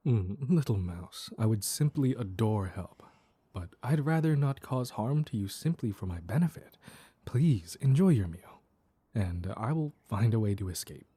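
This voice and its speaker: A man voicing a mischievous, flirtatious mad cat in an intimate roleplay audio, teasing with coy pet names in a soft, husky purr. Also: fairly low pitch, lively intonation, moderate pace, dry recording. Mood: sheepish, gentle.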